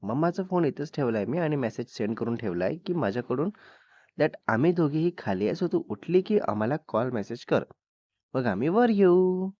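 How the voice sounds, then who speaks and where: A man voicing a gentle young father who calmly reassures and explains things to his little daughter. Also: on the high side, normal speed, no echo, muffled recording.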